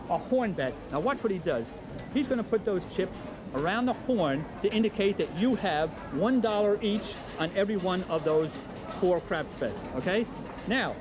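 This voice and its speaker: A man as a high-voiced craps instructor, on worn VHS tape. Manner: drills odds patiently, checks in with "okay?". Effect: worn VHS tape copy. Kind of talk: instructional video teaching. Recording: music underneath, old tape copy.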